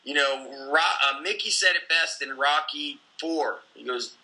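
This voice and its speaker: A man's voice: fairly high pitch, a little slow, pushed and bright, poor audio. A man in his forties, a gym owner and coach, talking bluntly and intensely in a casual conversation, swearing freely.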